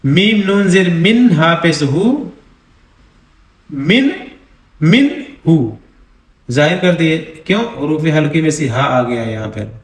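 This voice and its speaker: A man teaching Quran reading, spelling out syllables slowly and drawing out recited words between quick explanations. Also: on the high side, reverberant. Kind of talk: recitation lesson.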